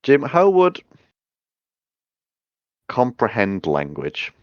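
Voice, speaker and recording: Male game master, improvised narration, very animated, informal, close dull sound. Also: mid-range voice, drawn-out words, dry recording. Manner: sweary, informal.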